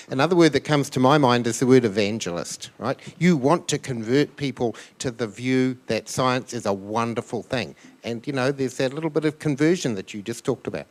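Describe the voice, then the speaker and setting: A man adding an enthusiastic comment in a panel discussion. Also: mid-range voice.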